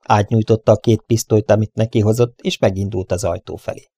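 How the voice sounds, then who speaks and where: Low, gravelly male narrator, dark tone, dry close recording; steady storytelling. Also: no room sound. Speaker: audiobook narrator. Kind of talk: scripted adventure narration.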